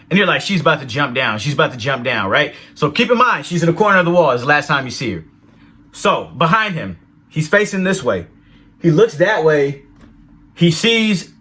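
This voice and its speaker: Animated, profane male film reviewer. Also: a little high. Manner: animated, profane, retelling scenes with reactions.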